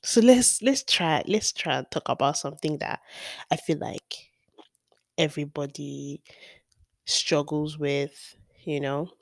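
A young woman in her twenties speaks in a notably low voice, with a dry, close sound and no room around it. She talks through her solo podcast in a frank, rambling way, often dropping to a near mutter and then rising again. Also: takes it slowly, creaky, pauses often, no room sound. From Nigeria. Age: 20s. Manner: chatty and frank, with many fillers and volume swings. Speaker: podcast host. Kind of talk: candid solo podcast monologue.

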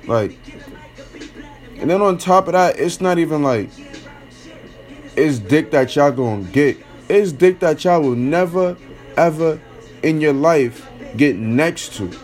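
Young male host, slightly high voice, profane and mocking opinion rant, faint music underneath. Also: expressive, slow pace, long pauses, a little mellow. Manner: blunt, profane, slangy and mocking. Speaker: podcast host giving opinions.

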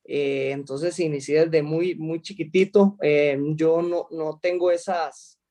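A man from Costa Rica, a mixed martial arts fighter in his thirties, answering interview questions haltingly with many restarts. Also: fairly high pitch, fairly even intonation, mellow. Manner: hesitant, many restarts and fillers.

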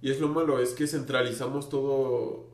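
Chilango guy hosting a podcast, mid-pitched, opinionated, echoey room. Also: fairly even intonation, normal speed, a little mellow. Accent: Mexico City. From Mexico City. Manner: opinionated, asks guest questions. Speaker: podcast host. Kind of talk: casual chat. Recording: roomy room echo.

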